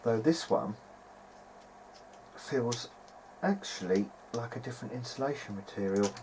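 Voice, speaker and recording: A hobbyist radio restorer presents casual workbench talk in a medium-pitched, unhurried voice, reasoning aloud with hesitation. The recording sounds rough, carrying clear and steady background noise.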